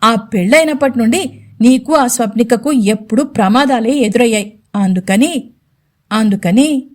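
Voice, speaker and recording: A scheming middle-aged mother, played by a woman needles and hesitates and turns sarcastic. She speaks in a slightly high voice in this audio storybook. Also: moderate pace, darkish tone, lightly acted. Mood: hesitant.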